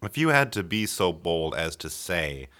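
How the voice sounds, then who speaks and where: A man co-hosting a comedy podcast, chatting jokily and getting excited as he guesses. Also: low voice. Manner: excitable, jokey, quick to crack up. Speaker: podcast co-host guessing the guest. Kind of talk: casual comedic chat.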